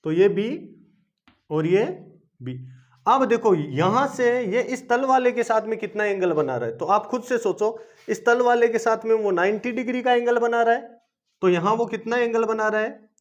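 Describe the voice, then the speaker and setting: Male teacher with a very high voice, self-answering questions, dull lo-fi recording. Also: animated, normal speed. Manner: asks questions and answers them himself; repetitive, coaxing teaching. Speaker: chemistry teacher. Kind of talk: classroom-style video lesson. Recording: dull lo-fi video lesson recording.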